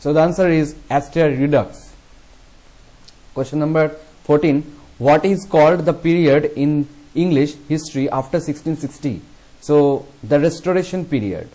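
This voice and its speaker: A young man with a Bengali accent, working through exam questions as a teacher. He moves between Bengali and English, reading each question slowly and then explaining in quick bursts. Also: on the high side, warm tone.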